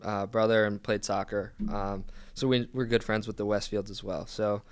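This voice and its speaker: Easygoing young man, clear low voice. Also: little pitch movement, normal speed, no echo. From Philadelphia. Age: young adult. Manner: easygoing, many "um"s and restarts. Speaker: guest, pro soccer player. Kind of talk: casual podcast chat.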